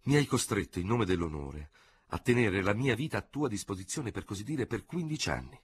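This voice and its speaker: A man's voice: fairly low pitch, lively intonation, a little hiss or hum, voice pushed up, natural voice. A man doing a cool, ironic general. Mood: stern. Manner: cold, measured, gravely mocking. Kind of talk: radio audiobook reading.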